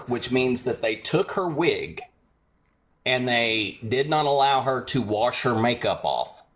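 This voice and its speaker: A man calling in to a live stream, telling a friend's story in a measured, hesitant way with many pauses. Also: medium pitch, a bit bright. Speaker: caller. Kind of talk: telling a personal account.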